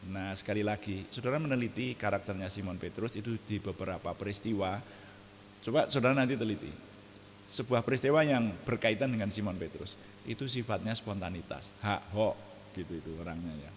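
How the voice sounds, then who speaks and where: Preacher guy, lively jokey storytelling, echoey room with a faint hum. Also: on the low side, a little fast. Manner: animated, jokey storyteller, laughs at his own asides. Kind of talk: evening prayer sermon.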